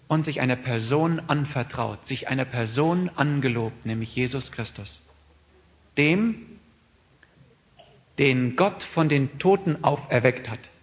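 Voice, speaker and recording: A man delivering a sermon in an earnest, searching way. He asks his listeners question after question, dropping to a soft reflective tone and then rising to loud, emphatic appeals. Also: medium pitch. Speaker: preacher.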